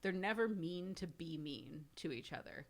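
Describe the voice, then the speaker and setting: A woman with a fairly low voice co-hosting a book podcast. She talks in a laid-back, blunt way, pausing and restarting as she gathers her thoughts. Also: expressive. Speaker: podcast co-host. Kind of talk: casual book chat.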